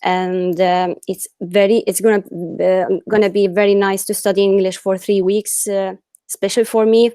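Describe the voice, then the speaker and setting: A woman's voice: mid-range voice, flat delivery, moderate pace, dark tone, clean tone, dry recording. Hesitant woman. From Saudi Arabia and Syria. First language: Arabic. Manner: hesitant, searching for words, laughing often. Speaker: student. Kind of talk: introducing herself in class.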